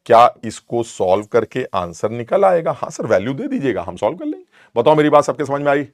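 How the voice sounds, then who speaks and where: A man's voice: medium pitch, wildly swooping pitch, a little fast, dry recording. A man giving an online chemistry lecture in a playful way. He keeps asking the class questions and acts out little back-and-forths between teacher and student. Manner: switches between teacher and student voices in dialogue.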